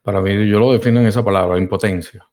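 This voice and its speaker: A man hosting a live call-in podcast, speaking haltingly and repeating words as he thinks. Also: lowish voice, fairly even intonation, a little mellow. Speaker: podcast host.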